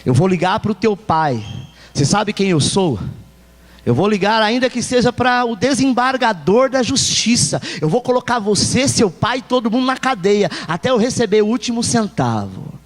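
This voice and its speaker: A man's voice: high-pitched, big pitch swings, normal speed, in a large hall. A man playing a furious wealthy man who scolds and threatens a boy. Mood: angry.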